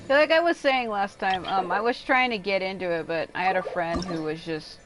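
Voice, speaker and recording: The recording is rough as a woman with a medium-pitched voice chats a little fast during a game livestream. Game music plays behind her loose, rambling talk, which includes some casual swearing.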